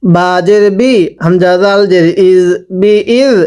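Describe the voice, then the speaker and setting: A man teaching Quran reading, spelling out each letter and vowel mark slowly, then asking the listener to repeat after him. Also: sits high, warm tone, smooth. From Bangladesh. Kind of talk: slow spelling-out recitation lesson.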